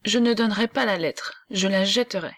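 A woman's voice: medium pitch, moderate pace, a bit bright, lightly acted. A woman reading the part of a sulky, spoiled young girl in an audiobook, with a whiny, petulant way of talking.

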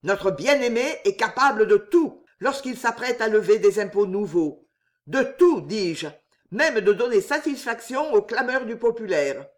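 A woman voicing a small, scheming nobleman in a storybook reading, mocking and menacing, with a low growl. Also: expressive, a little slow. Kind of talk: audiobook character reading.

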